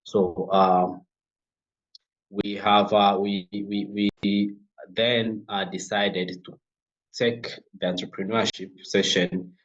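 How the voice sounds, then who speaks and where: Deep-voiced young Congolese man, halting. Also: flat delivery, dull audio. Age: young adult. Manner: halting, many fillers and restarts. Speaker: guest, refugee-led organization founder. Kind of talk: interview conversation.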